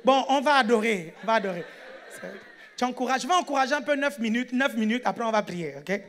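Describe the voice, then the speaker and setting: A man with a very high voice preaches a lively sermon to a congregation. He shouts, acts out dialogue and calls for amens. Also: brisk. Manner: animated, shouting, call-and-response with the congregation.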